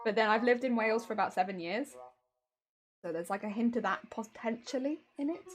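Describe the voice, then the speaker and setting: A woman's voice: a little high, expressive, fairly quick, soft background music. A young woman with a Hampshire English accent chatting casually on a stream, telling a story and often breaking into laughter. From England. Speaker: cosplay streamer.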